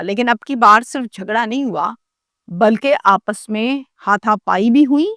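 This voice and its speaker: Woman narrating a crime case, high bright voice, dry close mic. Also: no echo. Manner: storytelling, acts out quoted lines with shifting tone. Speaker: crime news presenter. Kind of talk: dramatic crime story narration.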